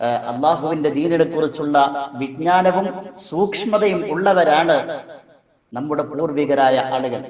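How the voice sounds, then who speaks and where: A man with a Kerala Malayalam accent teaching Quran recitation, explaining sounds slowly and chanting verses in a drawn-out melody. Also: on the high side, roomy sound, muffled recording. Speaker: Islamic teacher.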